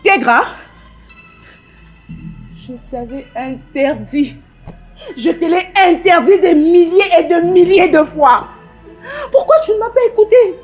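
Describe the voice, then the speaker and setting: A woman's voice: extremely high pitch, takes it slowly, long pauses, faint music behind. A young woman with a Congolese French accent playing an anxious, protective older sister who pleads and repeats herself. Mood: frantic, pleading.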